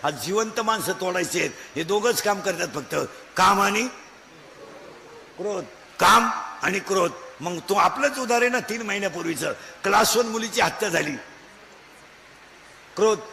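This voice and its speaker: A man with a Marathi accent preaching a comic kirtan sermon, scolding the crowd, asking rhetorical questions and breaking into shouts. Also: high voice, moderate pace, vocal fry, a little hiss or hum. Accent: Maharashtrian Marathi. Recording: hall echo, faint ambience.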